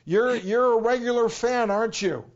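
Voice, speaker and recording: A man's voice: extremely high pitch, moderate pace. A man presenting and interviewing as host of a TV talk show, in slightly dull sound.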